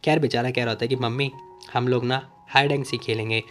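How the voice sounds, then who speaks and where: A man casually recapping a comic story, chatty and jokey, with quick asides to listeners and voices for each character. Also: mid-range voice, steady tone, soft background music. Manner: chatty, jokey, keeps calling listeners brother. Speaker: manhua recap narrator.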